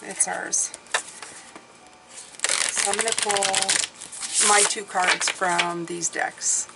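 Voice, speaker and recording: A woman giving a casual mystical horoscope card reading as a tarot reader, musing and pausing as she thinks aloud, indoors at a table. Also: mid-range voice, steady tone, very noisy. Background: soft classical music.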